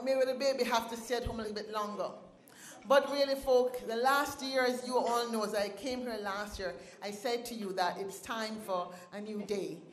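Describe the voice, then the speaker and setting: A woman, the founder and president of an organization, speaking to an awards audience with a rhythmic, sing-song delivery. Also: on the high side. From Caribbean. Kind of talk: ceremony speech with poetry recital. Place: banquet hall at an awards ceremony. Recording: echoey banquet hall.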